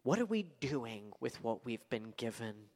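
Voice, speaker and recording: A man's voice: mid-range voice, sing-song, unhurried, a little mellow. A male pastor preaching a sermon, acting out the voices of the parable's servant and master with dramatic swings in delivery. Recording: long hall reverb.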